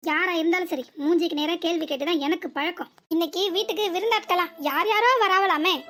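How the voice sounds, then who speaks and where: A woman voicing a defiant, sharp-tongued young married daughter in a cartoon comedy, with a southern Tamil Nadu accent and a mocking, sarcastic delivery. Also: very high-pitched, fast.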